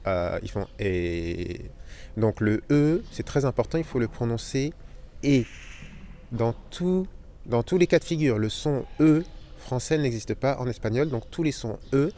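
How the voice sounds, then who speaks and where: A man's voice: medium pitch, mellow, slight background noise. Man teaching Spanish letters. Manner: explains slowly, spelling out sounds and repeating them. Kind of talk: language lesson.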